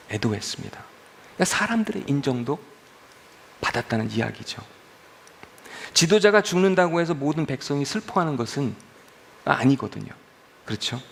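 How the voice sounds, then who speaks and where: A man's voice: medium pitch, gravelly, slight background noise. A man preaching a sermon as pastor, conversational and humorous, often asking the congregation questions.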